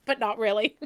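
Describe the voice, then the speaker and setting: A woman playing a tabletop role-playing game, giggly and animated. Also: fairly high pitch. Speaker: player. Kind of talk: casual tabletop role-play.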